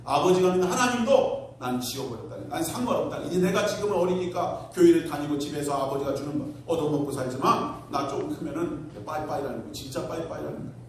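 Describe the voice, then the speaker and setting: A man's voice: a little high, fast talker, few pauses. A male pastor preaching a sermon to his congregation, telling a story with acted-out quotes and building to emphatic peaks. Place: church sanctuary. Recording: echoey hall from far off, faint room noise.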